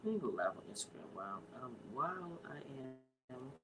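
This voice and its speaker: A chatty woman in her forties hosts a casual livestream and talks straight to her viewers. Her words often stretch out in a relaxed, unhurried way. Faint background noise sits behind her voice. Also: very deep voice. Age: 40s. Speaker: livestream host.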